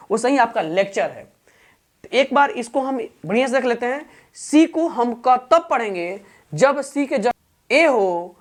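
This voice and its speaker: A woman teaching English pronunciation in an online video lesson. She explains patiently and repeats herself, often prompting viewers to pay attention. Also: a little high.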